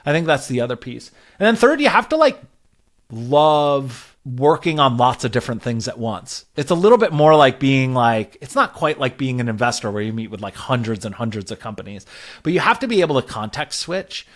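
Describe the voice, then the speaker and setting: With a mid-range voice that swings widely in pitch, a growth advisor talks fairly quickly as a podcast guest. His advice comes across casual and structured, dotted with filler words.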